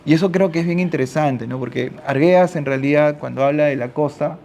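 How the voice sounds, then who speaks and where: This man from Ica, Peru, has a gravelly, mellow voice on the higher side and talks a little fast in Peruvian-accented Spanish. Sitting on a literary talk panel, he reasons aloud and keeps tacking questioning tags onto his phrases.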